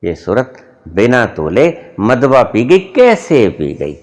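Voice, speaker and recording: A middle-aged man preaches in an unhurried, deliberate way. His pitch rises and falls over a wide span as he stresses key words. It has the measured pacing of a spiritual discourse. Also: huge pitch swings. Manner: slow, deliberate, rising and dropping sharply for emphasis. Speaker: spiritual teacher.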